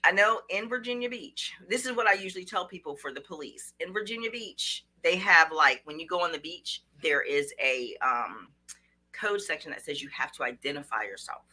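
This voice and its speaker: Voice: medium pitch, lively intonation, moderate pace, sharp tone. A podcast guest giving earnest, instructive advice in a casual conversation.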